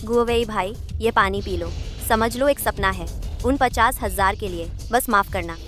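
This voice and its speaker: A woman's voice: high voice, expressive, moderate pace, a bit bright, faint music behind. An actress playing a scheming young woman who offers false comfort and slyly coaxes a grieving man, in a dubbed drama. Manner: falsely consoling, sly.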